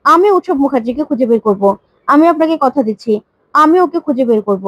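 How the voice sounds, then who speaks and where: A woman's voice: high voice, animated, quick pace, no echo, muffled recording. A woman voicing a confident man who promises to find the fugitive, in a retold serial story. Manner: confident, reassuring.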